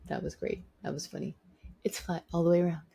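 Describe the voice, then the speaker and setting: Gravelly, husky woman vlogger. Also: on the low side, level tone, fast, dark tone. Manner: emphatic, repeats points for stress. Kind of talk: opinionated talking-to-camera monologue.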